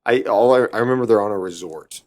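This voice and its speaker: Deep-voiced male podcast co-host, halting and casual. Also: a little mellow. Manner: halting, full of restarts and fillers. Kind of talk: casual chat.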